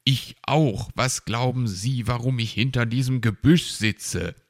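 A man's voice: mid-range voice, measured pace, no room sound, studio quality, voice pushed up. A man voicing a grumpy, crotchety old male owl in a storybook, irritable and pompous. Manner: irritable and pompous, making excuses. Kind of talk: storybook reading.

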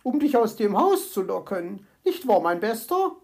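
A woman voicing a bossy, motherly female magpie nurse who talks in a brisk, self-satisfied way. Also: medium pitch, big pitch swings, creaky, a little mellow. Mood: fussing.

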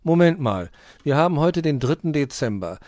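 A man's voice: a little high, big pitch swings, moderate pace, no room sound, clean studio sound, voice pushed up. A man voicing a grumbling young male apprentice who whines and complains in a storybook reading. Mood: whiny complaining. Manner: whiny, complaining.

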